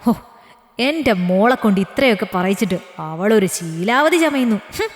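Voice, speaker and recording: A woman's voice: mid-range voice, lively intonation, normal speed, reverberant, big-room sound, natural voice. A woman voicing a cruel, scornful older mother-in-law who talks in a sneering, spiteful way.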